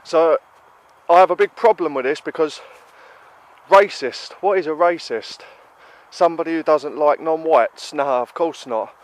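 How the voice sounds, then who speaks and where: A British vlogger with a cold-stuffed nose rants heatedly, his fairly high voice moving at a measured pace. The emphatic monologue keeps circling back to repeated rhetorical questions.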